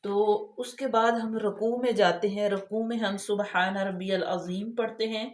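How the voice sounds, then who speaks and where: A patient woman teaches careful recitation step by step. Her pitch sits in a typical middle range for a woman. She slows right down to stretch out each example word, then checks that her listener follows. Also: steady tone. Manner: patient, explains letter by letter, checks understanding. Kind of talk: tajweed lesson, slow drawn-out recitation of examples.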